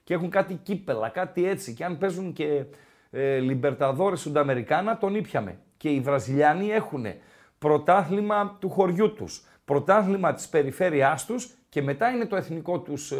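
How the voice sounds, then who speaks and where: Chatty higher-voiced male sports radio host. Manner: chatty, rambling, with many filler sounds. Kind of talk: casual football talk on radio. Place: radio studio.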